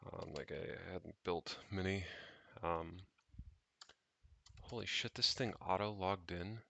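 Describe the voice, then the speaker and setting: Low, slow and gravelly, his voice has a sharp edge, captured in a dry recording. He's a tech-hobbyist streamer at home in a rental, tinkering on a livestream and rambling unscripted, swearing casually as he thinks aloud.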